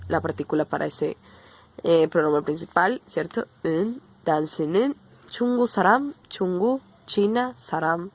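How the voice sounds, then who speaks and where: A woman from Colombia with a Colombian Spanish accent, teaching a casual online language lesson and explaining step by step, often checking in with her viewers. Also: lowish voice.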